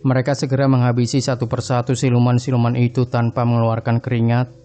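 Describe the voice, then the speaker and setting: A man narrating a scripted horror story in a steady, even storytelling manner. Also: mid-range voice, fast talker. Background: faint background music.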